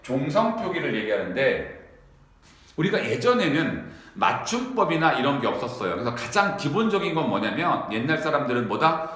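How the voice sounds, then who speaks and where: A man teaching a lecture to students, who keeps asking them quick rhetorical questions. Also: on the high side, a bit bright. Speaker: Korean language teacher. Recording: very echoey room.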